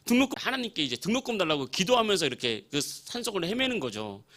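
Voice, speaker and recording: A man's voice: sits high, fast. A male pastor telling a story in a sermon, acting out the people in it. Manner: animated, acts out the people in his story.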